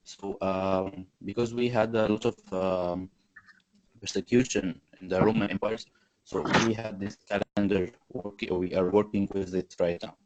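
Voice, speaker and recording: A man's voice: lowish voice, darkish tone, no room sound, poor audio. Hesitant man on a video call. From Egypt. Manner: hesitant, many fillers and restarts. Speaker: webinar panelist. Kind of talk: webinar presentation. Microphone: video call mic.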